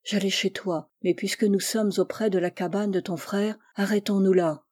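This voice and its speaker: A woman voicing a stern, grieving old male chief in a storybook reading, speaking gravely. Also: medium pitch, fairly even intonation, moderate pace, a little mellow, natural voice. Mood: solemn. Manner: solemn, grave speech.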